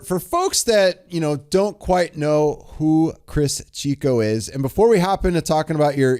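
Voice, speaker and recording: A man's voice: on the high side, darkish tone, smooth. A man hosting a casual interview, introducing his guest with enthusiasm and often repeating his words. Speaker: host.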